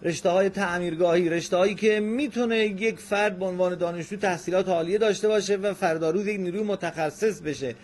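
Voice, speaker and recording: A male radio host with a slightly raised pitch. He speaks in a polite, formal, announcer-like manner. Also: few pauses.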